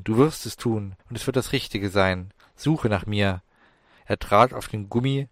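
Low-voiced man narrating an audiobook. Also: fairly bright tone, no echo, clean studio sound. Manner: measured, dramatic reading. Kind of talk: scripted storybook narration.

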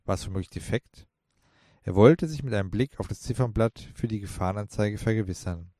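Male audiobook narrator, low-pitched, measured and calm, dry studio read. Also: dry recording. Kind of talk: scripted narration.

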